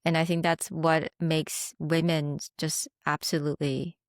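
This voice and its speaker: A woman hosting a podcast, asking questions in a warm, admiring, unhurried way. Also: low voice, level tone, no room sound, clean studio sound. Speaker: podcast host. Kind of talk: casual interview chat.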